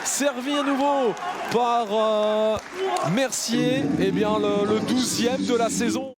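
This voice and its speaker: Male football commentator, high pitch, measured calls building to shouts, very noisy stadium crowd. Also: fairly even intonation. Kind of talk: live match commentary. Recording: loud stadium noise behind commentary.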